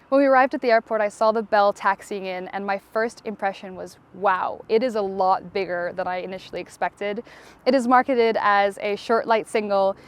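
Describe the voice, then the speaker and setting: Woman pilot from Tanzania, smooth clear voice, eager testimonial delivery with small restarts. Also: medium pitch. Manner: enthusiastic, with a few fillers and restarts. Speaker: helicopter pilot. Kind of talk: promotional testimonial.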